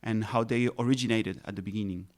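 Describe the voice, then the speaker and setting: A man's voice: fairly low pitch, steady tone, fast talker. A man in his thirties, raised in Colombia, patiently explaining his research as a guest in an interview, with frequent restarts and fillers. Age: 30s. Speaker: ecologist guest.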